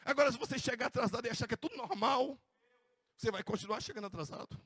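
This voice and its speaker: A man's voice: very high voice, very fast, a bit bright, breathy edge, dry recording. A man from Brazil preaching a sermon as pastor in a church, pleading and crying out passionately in prayer.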